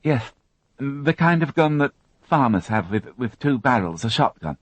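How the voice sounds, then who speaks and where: A man voices a frightened young woman who witnessed a crime, sounding tearful, halting and shaken as she repeats her words. His mid-range voice is pushed up and sing-song, recorded with no echo.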